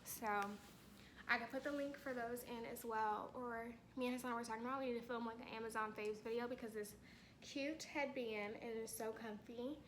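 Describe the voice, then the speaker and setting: A woman's voice: a little high, steady tone, a little fast, slight background noise, poor audio. A young woman vlogger chatting casually to camera, rambling with many fillers.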